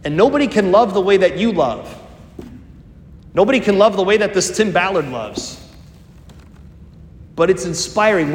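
A man's voice: high-pitched, a little hiss or hum. A priest in his fifties giving a homily in a conversational, storytelling way. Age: 50s. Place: church. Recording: echoey church, long reverb, faint ambience.

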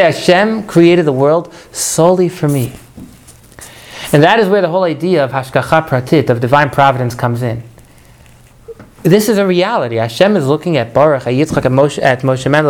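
A man teaching a Torah class to students, animated, asking rhetorical questions and mixing in Hebrew prayer phrases. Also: fairly high pitch. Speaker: religious teacher.

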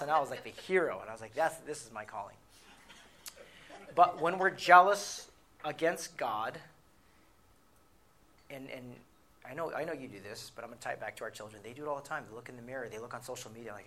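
Middle-aged guy giving a talk, bright voice, gets loud then drops way down when telling his stories. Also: medium pitch, a little hiss or hum. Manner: animated storyteller, shouts in acted quotes, drops to quiet asides. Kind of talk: motivational talk with personal stories.

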